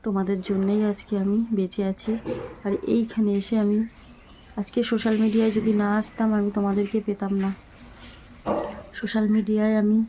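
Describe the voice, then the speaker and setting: A middle-aged woman who is unwell talks slowly and with effort to her channel's viewers from her home, speaking softly and from the heart. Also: a little high, a little hiss or hum, poor audio. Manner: slow, soft-spoken and heartfelt. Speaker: vlogger. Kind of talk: casual talk to camera. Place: small room at home.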